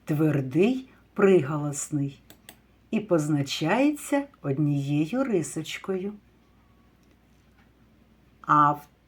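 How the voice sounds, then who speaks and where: A kindergarten teacher leads a phonics lesson for young children, sounding out words slowly and asking questions. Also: female voice, lowish voice, sing-song, a little mellow, slightly rough. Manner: slow, drawn-out word sounding with praise and questions.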